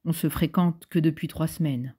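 A woman's voice: deep voice, steady tone, normal speed, mellow, breathy edge. A woman voicing a blunt, coarse young housemaid in an audiobook, speaking in a curt, colloquial way. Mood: offhand.

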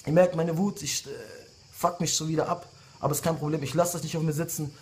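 Talking fast in a slightly high voice that barely moves in pitch, a rapper in his late twenties lays into his rivals. His angry diss video is a heated, insulting rant built on repeated jabs.

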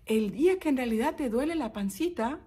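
Brief: woman storyteller for kids, animated and questioning, high voice. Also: a little fast, husky. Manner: animated, addresses kids directly, asks questions. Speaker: children's storyteller, teacher. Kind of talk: expressive read-aloud for children.

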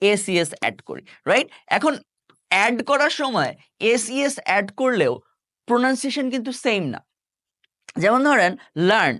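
A man's voice: high voice, a bit bright, dry recording, studio quality. A middle-aged man, teaching an online English lesson. He explains step by step and keeps asking rhetorical check questions.

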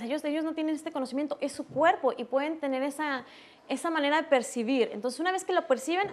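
A woman with a Mexican accent, an early stimulation instructor demonstrating textures on a morning TV show, explaining slowly and gently. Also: high-pitched. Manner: explains slowly, softens words for babies.

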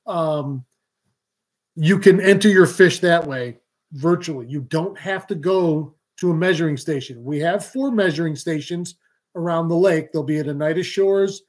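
His voice sits high yet carries a darkish tone. The man runs a live fishing stream from a small home room, casually explaining things with lots of ums and restarts while gesturing as he talks. Audio comes through a webcam or laptop microphone in video-call framing.

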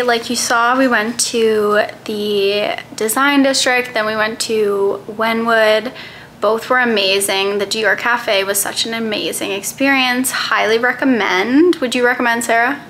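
A woman in her twenties chatting to a phone camera at arm's length in a hotel room, upbeat and quick with recommendations. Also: on the high side, bright, forceful tone, slight background noise. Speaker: travel vlogger. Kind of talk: casual vlog chat to camera.

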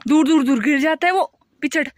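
High-voiced woman, tired, chatty family vlogger speaking outdoors into a phone, close and dry. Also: fairly quick, no echo. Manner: chatty, coaxing a small child, shooing monkeys. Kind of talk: casual vlog chat with a child. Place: outdoors at a hillside home among trees.

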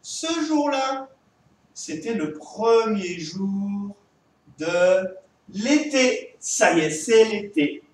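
A man's voice: sits high, expressive, drawn-out words, very echoey, recorded from a distance, rough recording. A man teaching a remote lesson to young children, with a French accent, talking in a patient, sing-song way. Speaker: kindergarten teacher.

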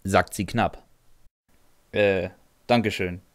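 Man, first-person storyteller, dry sardonic delivery, lowish voice, dead dry recording. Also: fairly even intonation, slow, dry recording. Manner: dry, sardonic narration with hesitant "äh" replies. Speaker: narrator and first-person lead. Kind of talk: first-person story narration for a fan audio drama.

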